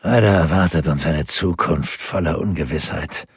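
A man voicing a bitter, brooding male mercenary in a storybook reading, speaking gravely and low. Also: moderate pace, no room sound, studio quality, exaggerated voice.

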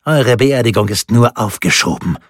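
Ein Mann spielt einen spöttischen, mächtigen Edelmann. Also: male voice, on the low side, animated, normal speed, dry recording, clean studio sound. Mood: mocking. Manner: mocking, sneering, commanding. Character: scornful powerful nobleman, mocking and menacing.

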